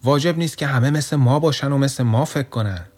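A man voicing a kind, gentle male donkey in a children's story, giving patient, soothing advice. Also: mid-range voice, husky, voice pushed up, close to an everyday voice.

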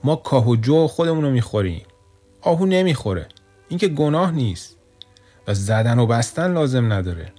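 Man doing a kind gentle donkey from a storybook, patient and soothing. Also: mid-range voice, very animated, soft background music.

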